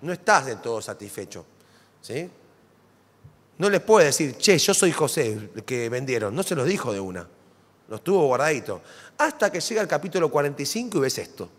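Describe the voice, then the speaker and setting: A man with an Argentine accent preaching a sermon in a church, dramatic and animated, full of rhetorical questions. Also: fairly high pitch, brisk, long pauses. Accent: Argentine Spanish. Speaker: pastor. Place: church sanctuary. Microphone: stage microphone. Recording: long church hall reverb.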